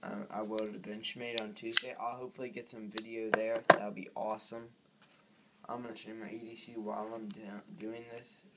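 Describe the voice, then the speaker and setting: A man's voice: lowish voice, little pitch movement, a little fast. A young man rambling casually through a vlog, with lots of ums and likes, filmed on his phone. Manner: rambling, filler-heavy. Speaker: vlogger. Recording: noisy phone recording.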